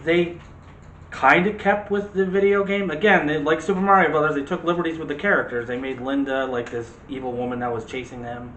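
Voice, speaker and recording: In a roomy-sounding recording with faint background noise, a man co-hosts a casual movie discussion show. His voice is on the high side, steady and a bit bright, fairly quick, as he shares emphatic opinions directly with viewers.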